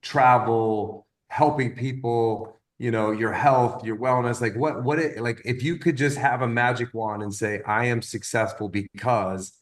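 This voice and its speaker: A man in his fifties talking through goals in a loose, rambling coaching chat. His voice sits at a middling pitch. He repeats words as he works through his thoughts, and he drifts into animated little stories. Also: measured pace, hardly any pauses. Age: 50s. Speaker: wellness business coach. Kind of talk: casual motivational talk.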